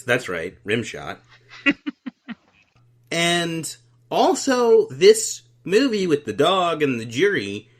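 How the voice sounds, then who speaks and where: A man co-hosting a podcast, chatting casually about a film with animated, jokey tangents. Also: a little high. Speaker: podcast co-host. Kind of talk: casual comedic film review chat.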